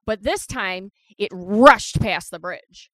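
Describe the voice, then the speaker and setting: A woman co-hosting a podcast, recounting a history story in casual chat as a lively storyteller who holds her ground against interruptions. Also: mid-range voice, slow pace, dry recording. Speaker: podcast co-host.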